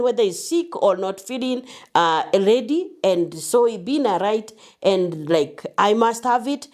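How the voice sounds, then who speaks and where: A woman's voice: medium pitch, mellow. A woman counselor giving an earnest, reflective talk on abuse, telling personal stories and quoting scripture. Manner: earnest, anecdotal, quotes scripture. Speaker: counselor and speaker.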